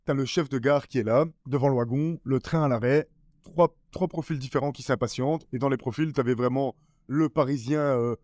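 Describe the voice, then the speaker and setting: A comedian, telling stories in a relaxed, slangy way with many fillers. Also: male voice, brisk, no echo, clean studio sound. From Belgium. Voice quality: deep voice. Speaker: comedian guest. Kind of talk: casual podcast chat, storytelling.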